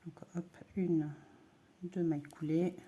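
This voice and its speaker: Slow, mellow-voiced woman teaching knitting. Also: lowish voice, husky. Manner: calm, patient instruction with frequent "hop" and hesitations. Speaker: host of a knitting and crochet channel. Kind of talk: step-by-step knitting tutorial.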